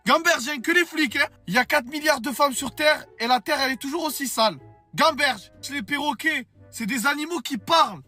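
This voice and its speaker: A man's voice: very high-pitched, brisk, sharp tone, faint music behind, full character voice. A man voicing a dim-witted young man who rambles through silly questions in street slang. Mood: puzzled. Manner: rambling, puzzled street talk.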